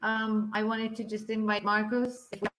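A woman's voice: medium pitch, little pitch movement, normal speed. A woman organizing an event on a video call, speaking hesitantly while her audio keeps cutting out and her volume jumps around. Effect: audio cutting out, uneven volume. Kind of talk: casual meeting talk. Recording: noisy video call line with clicks.

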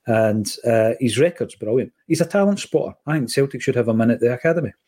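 A Scottish man co-hosting a football podcast, chatting casually and telling stories. His voice is mellow and dark, with a husky edge. He slips into lively quotes of other people as he tells them. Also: mid-range voice, fast. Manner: storytelling, animated when quoting others. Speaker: podcast co-host.

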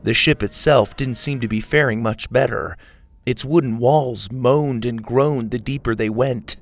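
A man narrating a storybook with expressive, dramatic delivery. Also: medium pitch, measured pace.

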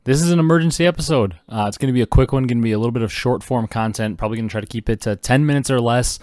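A young man hosting a podcast, talking fast and excitedly with lots of fillers while he reacts to breaking esports news. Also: mid-range voice, no room sound, clean studio sound. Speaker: podcast host. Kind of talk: casual esports news commentary.

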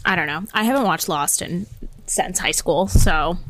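A woman's voice: lowish voice, moderate pace, fairly bright tone, slight background noise, rough recording. A young woman co-hosting a rewatch podcast in casual, informal chat.

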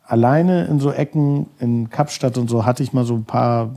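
A man's voice: medium pitch, normal speed, vocal fry, warm tone. A man from Germany, a podcast guest, telling stories casually and rambling, often searching for words with many fillers. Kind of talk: casual storytelling.

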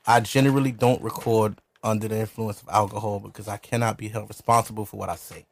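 Gravelly, fairly low, and flat, this man's voice comes out fast. He's a podcast host from Brooklyn, New York, drinking alcohol in the studio as he records a loose, profane casual chat that's brash and provocative, with frequent laughs.

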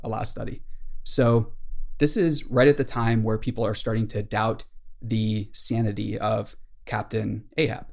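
Gravelly low-voiced male podcast host. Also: a little mellow. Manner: enthusiastic storytelling with many fillers. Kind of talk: casual podcast chat.

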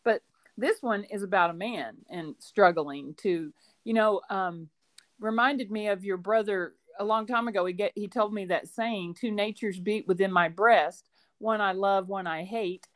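A schoolteacher with a mid-range voice co-hosts a casual book podcast, speaking unhurriedly. She tells warm, rambling stories packed with side notes and laughs often.

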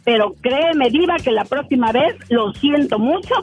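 A woman's voice: high-pitched, expressive, moderate pace, breathy edge, soft background music. A woman calling in by phone, telling an indignant story with lots of energy. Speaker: caller. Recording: tinny phone line.

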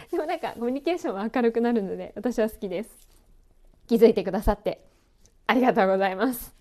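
A woman announcer talks in a loose, easygoing podcast chat, and her voice sits a little high but soft and mellow. She laughs easily and teases herself about her own slips. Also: animated, fast talker, pauses often. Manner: chatty, self-deprecating, laughs often. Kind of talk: relaxed solo podcast chat.

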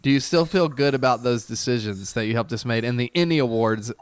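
A man's voice: mid-range voice, fairly quick, smooth, no room sound. A man co-hosting a casual podcast, joking and teasing while reading listener reviews aloud. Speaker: podcast co-host.

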